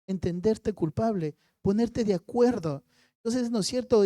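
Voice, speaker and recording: Mellow-voiced man teaching Sunday school. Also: high voice, dry recording, clean studio sound. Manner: explains step by step, often checks in with "¿no es cierto?". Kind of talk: expository Bible teaching. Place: church Sunday school class.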